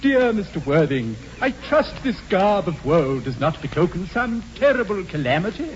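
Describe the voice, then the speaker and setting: A fussy older English rector, high-pitched and swooping in intonation. He is mild, pompous and unctuous, in an old radio play with muffled sound. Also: sing-song. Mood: solemn sympathy. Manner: unctuous, pompous, drawn-out delivery. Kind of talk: 1940s radio comedy acting. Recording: dull, noisy 1940s radio broadcast.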